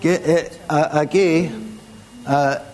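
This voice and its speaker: A man teaching a church gathering in a conversational way, asking listeners questions and gently demonstrating how to pray. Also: fairly high pitch, steady tone, drawn-out words. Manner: patient, asks questions and demonstrates prayers softly.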